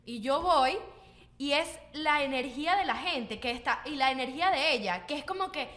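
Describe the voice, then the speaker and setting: A woman, co-hosting a casual chat in an animated way. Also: high voice, normal speed. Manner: animated, shouts out quotes. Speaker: co-host.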